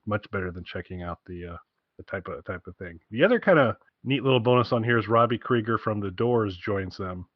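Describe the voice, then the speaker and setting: His voice on the low side, a man co-hosting a podcast chats loosely and eagerly about music recommendations, adding wry asides. The audio is dull, with no echo.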